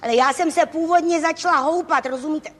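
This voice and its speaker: A woman's voice: high-pitched, natural voice. A woman playing a giddy girl stuck up on a swing. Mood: teasing. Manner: playful, teasing, mock-panicked. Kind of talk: stage comedy sketch. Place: theatre stage before an audience. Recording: reverberant hall with faint noise.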